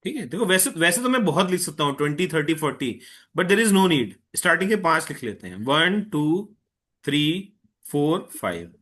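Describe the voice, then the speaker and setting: A man teaching a chemistry lesson. His voice is fairly high and bright, and he mixes Hindi with English phrases. He is patient and keeps asking the class if they understand. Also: big pitch swings. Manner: Hindi mixed with English, checks understanding often; patient, tells an eager student to slow down. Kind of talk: online class lecture.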